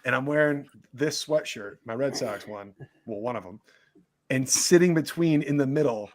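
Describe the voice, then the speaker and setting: A man in the middle of his range, co-hosting a loose sports podcast. He tells stories with plenty of energy and swears freely. His pitch sits in the middle and the talk stays casual throughout. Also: normal speed, no room sound. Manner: animated storyteller, swears freely. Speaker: podcast co-host.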